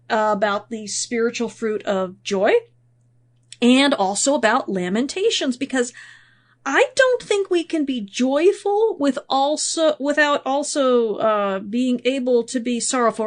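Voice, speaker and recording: A woman hosting a podcast, her sinuses congested. She teaches Bible background in a chatty, self-deprecating way, with asides and fillers, and reads scripture aloud. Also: a little high. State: congested, sniffling from draining sinuses. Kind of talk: casual spoken teaching, reading scripture aloud.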